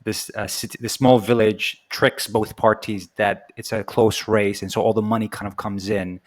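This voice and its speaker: A man from Iraq hosting a conversational interview, asking questions in a hesitant, halting way. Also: fairly low pitch, steady tone. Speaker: podcast host.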